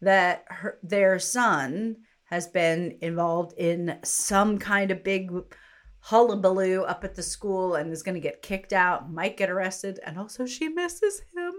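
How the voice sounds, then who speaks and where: A woman's voice: medium pitch, measured pace. A woman co-hosting a podcast, a teacher who chats playfully and laughs often. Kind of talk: casual podcast chat.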